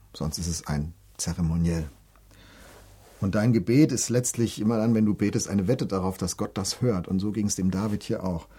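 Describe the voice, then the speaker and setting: A middle-aged man giving an earnest devotional talk, speaking directly to the listener and reading scripture slowly. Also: low voice, dark tone, breathy edge. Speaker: preacher.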